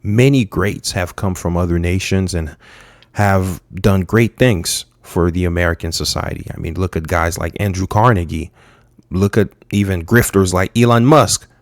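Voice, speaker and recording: A young man from Haiti giving frank, halting political commentary, with many fillers and restarts. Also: deep voice, no room sound, clean studio sound. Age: young adult.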